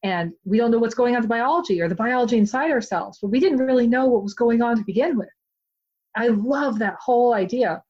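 A woman author being interviewed, talking in a chatty, animated way with many "like" fillers. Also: a little high, fairly quick, slightly rough, dull audio. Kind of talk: casual interview chat.

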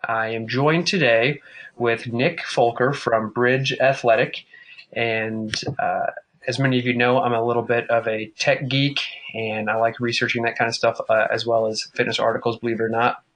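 A man's voice: medium pitch, level tone, moderate pace, a bit bright. A man hosting a fitness podcast, welcoming his guest in a loose, upbeat way with fillers. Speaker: podcast host. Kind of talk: casual interview hosting.

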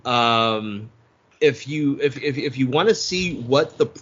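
A man's voice: mid-range voice, animated, takes it slowly, a bit bright, husky. A man co-hosting a podcast, chatting casually about a movie with loose, profane talk and many restarts. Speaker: podcast co-host. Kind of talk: casual movie review chat. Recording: dull lo-fi podcast audio.

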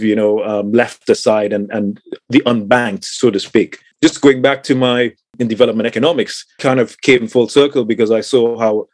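A man's voice: medium pitch, a little mellow, no echo. A man from Trinidad, middle-aged, answering interview questions thoughtfully, with many fillers and repeated words. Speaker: guest, climate tech entrepreneur.

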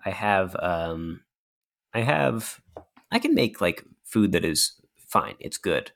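A man's voice: sits low, animated, slow, creaky, a bit bright. A man in his twenties chatting casually as a podcast co-host, joking and self-deprecating, with the cave-like echo of a bare room. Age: 20s. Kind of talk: casual chat.

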